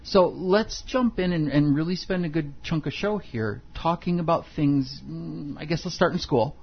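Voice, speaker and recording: A man's voice: fairly high pitch, moderate pace, creaky, slightly rough, lo-fi sound. A man co-hosting a radio talk show, asking rambling, jokey questions in a casual way. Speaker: radio co-host.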